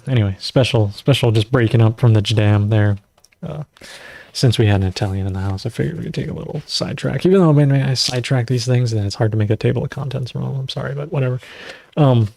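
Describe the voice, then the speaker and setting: A man hosts a natural farming livestream as a casual Q&A, reading recipes, rambling, and repeatedly tripping on numbers and foreign words with jokes at his own expense. His mid-range voice is creaky and a little mellow, recorded dry with studio quality.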